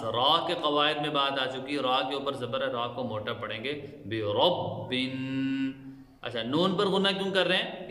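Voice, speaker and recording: Slow, bright-voiced man teaching Quran recitation. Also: medium pitch. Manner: explains rules slowly, then chants verses drawn out. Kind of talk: tajweed lesson with chanted recitation. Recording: echoey room with long reverb.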